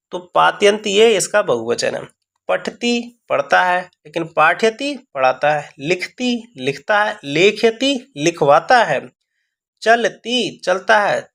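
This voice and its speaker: A man teaching a grammar lesson, explaining step by step and slowly repeating words for pronunciation drills. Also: sits high, gravelly, a bit bright.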